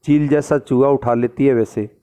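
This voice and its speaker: A man's voice: mid-range voice, steady tone, normal speed, warm tone, clear, resonant tone, lightly acted. A man voicing a grumbling, indignant talking letter box in a storybook play.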